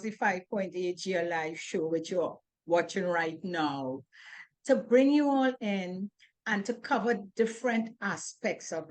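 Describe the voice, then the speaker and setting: A middle-aged woman co-hosting a talk show, speaking earnestly, repeating words and acting out quoted worries. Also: medium pitch. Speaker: co-host. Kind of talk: casual talk-show chat.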